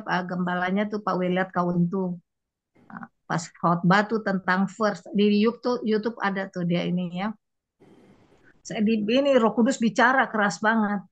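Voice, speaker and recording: A woman's voice: medium pitch, highs cut off. An older woman sharing a rambling, emotional church testimony in casual speech, often quoting others. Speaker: church member giving testimony.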